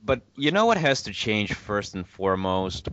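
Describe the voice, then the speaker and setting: A man's voice: on the low side, sing-song, normal speed, fairly bright tone, dry recording. A man co-hosting a podcast who talks casually and hesitantly, thinking aloud. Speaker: podcast co-host. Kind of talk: casual group chat. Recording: dull lo-fi sound.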